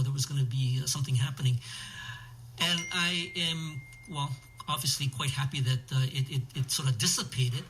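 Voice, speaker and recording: A man's voice: medium pitch, fairly bright tone, rough recording. A man hosting a conversational interview in the manner of a public radio host.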